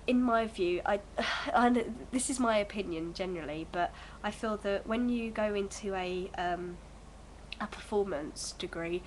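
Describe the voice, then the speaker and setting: Unhurried and mid-range, a young woman's voice comes through poor audio with slight background noise. She's in her early twenties, stuffed up with a cold, and talks casually to her vlog camera at home, rambling and hesitant with lots of fillers.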